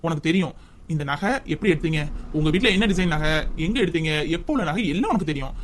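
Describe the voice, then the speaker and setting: A man playing an earnest young husband in a home drama, talking fast in a high voice, urging and advising with steady concern. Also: a little hiss or hum, lightly acted. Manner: urgent, advising. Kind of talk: family drama skit.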